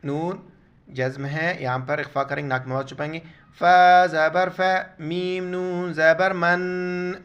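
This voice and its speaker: A man teaches Quran recitation word by word, spelling out the letters and vowel marks before slowly drawing out each recited word. His voice is fairly high and fairly bright, with a clean tone and little pitch movement.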